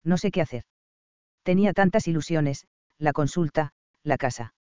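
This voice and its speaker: A man's voice: fairly high pitch, moderate pace, mellow, clean tone, no echo, highs cut off, natural voice. A man reading an unsure young woman doctor.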